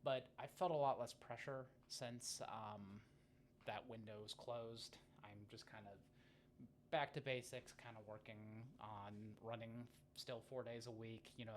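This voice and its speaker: An American man rambling casually to viewers as a running vlogger, halting and self-deprecating, often drifting into asides. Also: fairly low pitch. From United States. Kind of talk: casual, rambling vlog chat. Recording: faint ambient background noise.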